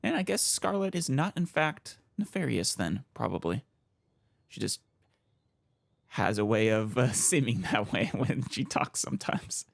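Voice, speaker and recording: A woman's voice: very deep voice, lively intonation, a little slow, gravelly, no room sound, studio quality. A woman doing casual let's play commentary, musing aloud and reacting as she goes. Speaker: let's player.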